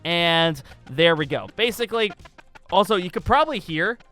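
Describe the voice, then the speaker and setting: Here the young man sounds animated and forceful, his bright voice pitched high and moving at a normal speed, with soft music playing behind him. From his computer desk in an indoor room, he gives casual, rambling tutorial commentary over gameplay, repeating phrases for emphasis.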